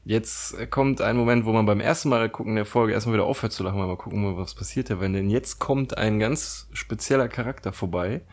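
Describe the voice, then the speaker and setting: Male podcaster, animated recapper, filler-heavy delivery. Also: fairly low pitch, fairly quick, hardly any pauses. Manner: animated retelling, acts out quotes, many fillers. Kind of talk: casual podcast chat about a cartoon episode.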